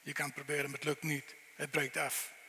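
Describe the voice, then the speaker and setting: A man's voice: on the high side, completely flat delivery, fairly quick, pushed and bright. A middle-aged man preaching a sermon, asking the listeners earnest, direct questions. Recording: long reverb in a church hall.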